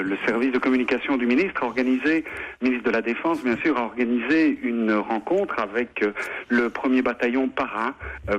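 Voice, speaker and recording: A man from Belgium calling in to a radio show to tell a joke, halting with many fillers. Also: mid-range voice. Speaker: caller. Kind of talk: telling a joke on the phone. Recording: muffled phone line.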